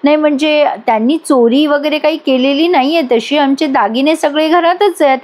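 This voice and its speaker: A woman's voice: sits high, normal speed, darkish tone, close to an everyday voice. A woman voicing a polite, persuasive middle-aged housewife in a story recap.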